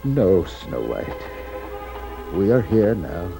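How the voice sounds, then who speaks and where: A man voicing a gentle, sorrowful royal huntsman who speaks softly and hesitantly in a storybook record. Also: low voice, very animated, takes it slowly, creaky, music in the background, full character voice. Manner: soft-spoken, hesitant, melancholy.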